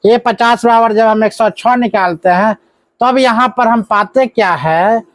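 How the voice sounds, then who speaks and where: A man's voice: high-pitched, measured pace, dry recording. A male math teacher, running a live classroom lesson and firing questions at the students, with scolding asides. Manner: coaxing call-and-response, scolding asides.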